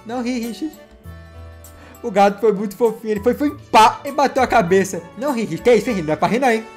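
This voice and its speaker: A man, hosting his channel and reacting to funny cat clips in an excitable, playful way, teasing himself and his pets. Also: extremely high pitch, fast, faint music behind. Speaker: YouTube gaming host.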